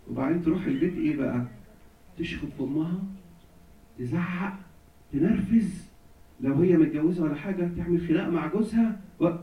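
A man from Egypt with an Egyptian Arabic accent, a priest preaching to a congregation, asking them questions, waiting for answers and joking. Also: high-pitched. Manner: asks the congregation questions and waits for answers, jokes and laughs. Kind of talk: sermon to a congregation. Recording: echoey hall, distant mic, dull sound.

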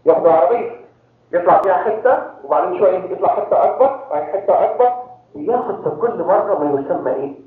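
Egyptian priest preaching, quick and high-voiced, keeps quizzing the crowd; heavy echo, phone-thin sound. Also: male voice, animated, slight background noise. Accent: Egyptian Arabic. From Egypt (Cairo). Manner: quizzes the audience with rhetorical questions. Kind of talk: sermon to a congregation. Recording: very echoey tinny phone-like hall recording.

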